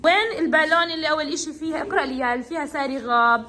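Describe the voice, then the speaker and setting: A woman's voice: sits high, very fast, noisy background. A woman teacher, leading children in a reading game and praising them often. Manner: encouraging, praising, calls on children by name. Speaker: kindergarten teacher. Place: classroom with children.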